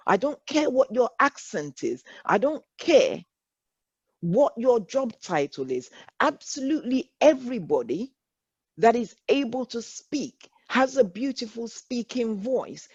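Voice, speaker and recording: Leading an encouraging workshop, an English-accented woman speaks earnestly and reassuringly, restating her points frequently. Her slightly high voice has a breathy edge and no echo, captured in dull, lo-fi online call sound.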